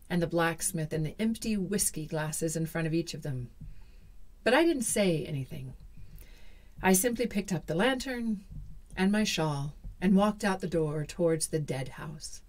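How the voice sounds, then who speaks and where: A woman storyteller telling a folktale in the first person, dramatic and dropping to hushed whispers. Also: fairly low pitch, a little slow.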